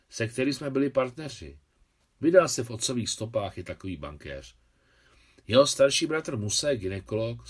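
A man voicing a brisk, commanding older woman in an audiobook, teasing and lively. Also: mid-range voice, slightly rough.

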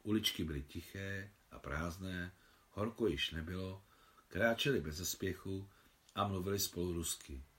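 A man, the translator, reading his own translation of a novel aloud in an expressive way. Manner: expressive reading with wide pitch swings.

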